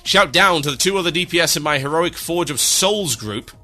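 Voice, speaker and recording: Sarcastic radio host, lively. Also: male voice, a little high, a little fast, soft background music. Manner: dry, sarcastic, mock-grand delivery. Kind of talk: reading listener shout-outs on an internet radio show.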